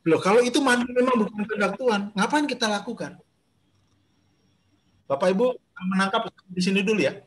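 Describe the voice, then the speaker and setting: Man, pastor, Bible study, video call audio, chatty teaching, fillers and restarts, slightly high voice. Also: brisk, pauses often, fairly bright tone. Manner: conversational, addresses listeners directly, many fillers and restarts. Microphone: video call microphone.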